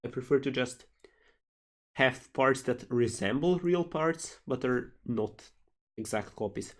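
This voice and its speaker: A man's voice: medium pitch, lively intonation, slow pace. Man answering questions on stream. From Slovenia. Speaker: game developer hosting a livestream Q&A. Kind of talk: casual livestream Q&A, reading out questions and answering.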